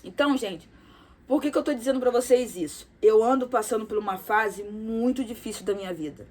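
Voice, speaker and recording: A vlogger talks straight to her viewers in a personal, confessional video. Her voice is soft, halting and on the high side, full of fillers, repeated words and "tá?" tags.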